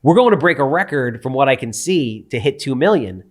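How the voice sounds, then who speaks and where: Animated man, podcast host. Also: medium pitch, fairly quick. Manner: animated, swears casually, quotes others in bursts. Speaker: podcast host and real estate investor. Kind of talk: casual podcast conversation.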